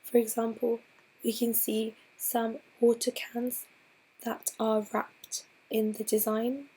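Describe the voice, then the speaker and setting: A woman with a hoarse, breathy voice because she is ill, giving a slide presentation in a slow, halting way and often restarting her phrases. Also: a little high, little pitch movement, dark tone, poor audio. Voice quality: breathy, partly whispered. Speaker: student presenter.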